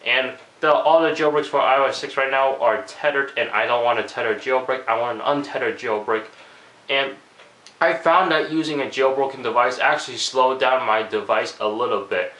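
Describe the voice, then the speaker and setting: A man's voice: medium pitch, moderate pace, fairly bright tone. Man with a cold, chatty and roomy. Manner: rambling, many fillers and restarts. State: has a cold, voice cracking. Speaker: tech vlogger. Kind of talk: casual video commentary.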